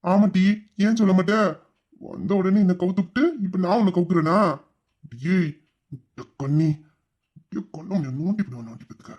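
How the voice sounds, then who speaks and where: A man voicing a doting young husband in a romantic audio drama, swinging from playful bluster to soft tenderness. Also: sits high, moderate pace, long pauses. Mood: mock threat. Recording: dull, lo-fi recording.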